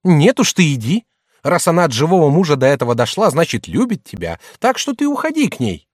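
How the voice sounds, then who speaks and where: A man reading an audiobook, voicing a middle-aged merchant's wife who mocks and shouts at her husband. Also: on the high side, very animated, a little fast, no echo, clean studio sound. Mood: scornful. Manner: loud, mocking, hectoring.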